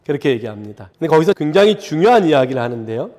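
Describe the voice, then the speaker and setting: A man delivers a sermon in a high, light voice that rings through a large sanctuary with long reverb. He talks conversationally, often checking in with the listeners, and slips into dramatic readings of scripture voices. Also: very animated, very fast, darkish tone. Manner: conversational, asks the congregation for agreement. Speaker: pastor. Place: church sanctuary.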